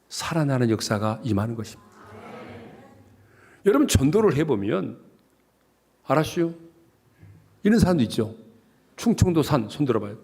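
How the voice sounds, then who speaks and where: Animated man preaching a revival sermon. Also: mid-range voice, gravelly. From South Jeolla, Korea. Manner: animated, joking preaching with dialect humor. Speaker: pastor.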